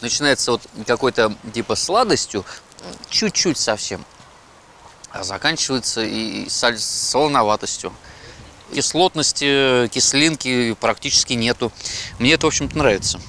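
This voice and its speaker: A man's voice: medium pitch, expressive, normal speed, pushed and bright. A man in his thirties gives a casual beer review outdoors in a city park, picked up by a camera at medium distance. He talks in a middle register and often stops to search for words. A faint hum of outdoor ambience sits behind him. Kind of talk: casual tasting chat.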